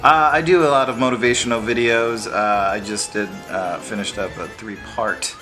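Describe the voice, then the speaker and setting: A man's voice: lowish voice, soft background music. A man co-hosting a podcast, chatting casually about stage acting with fillers and restarts. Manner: relaxed, halting with fillers and restarts. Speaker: podcast co-host. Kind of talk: casual chat.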